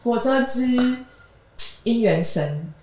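A woman's voice: medium pitch, lively intonation, slow, a little mellow. A young woman, chatting casually as a guest and telling a long, rambling story between frequent giggles. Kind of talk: casual chat. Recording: roomy echoing room.

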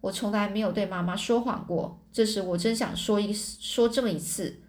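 A woman's voice: medium pitch, moderate pace, a little mellow. A woman reading a translated novel aloud in a plain storytelling manner, often stumbling and correcting herself. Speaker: storybook reader.

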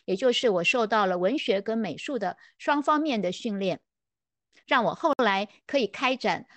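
A woman's voice: mid-range voice, animated, moderate pace, fairly bright tone, no room sound. Middle-aged woman scholar, conversational storytelling lecture, dry close-mic sound. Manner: reflective, conversational, acts out quoted dialogue. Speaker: literature scholar.

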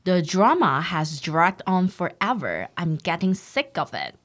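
A woman's voice: lowish voice, sing-song, a little slow, fairly bright tone. A woman hosting a bilingual English lesson, explaining phrases patiently with a teasing, playful manner. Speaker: English teacher and host.

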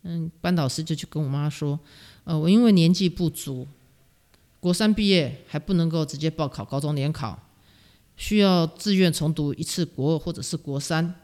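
Middle-aged woman, Taiwanese Mandarin accent, animated storyteller, laughs a lot, self-mocking, casual interview guest. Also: low-pitched, moderate pace. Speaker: guest, music teacher.

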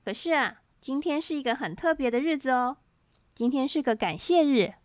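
A caring mother rabbit from a storybook, as a woman reads her. Her voice sits high and bright and moves in a lively way, in a dry recording. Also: normal speed, dry recording. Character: warm, fussing mother rabbit.

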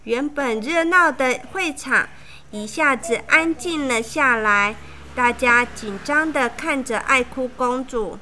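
A woman reads a children's picture book aloud with slow, clear, animated storytelling. Her voice is high and bright, and she takes her time over each line. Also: a little hiss or hum.

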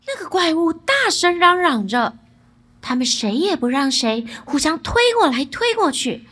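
A woman narrating a children's bedtime fairy tale in a lively, expressive way. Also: sits high, a little slow. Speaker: storyteller.

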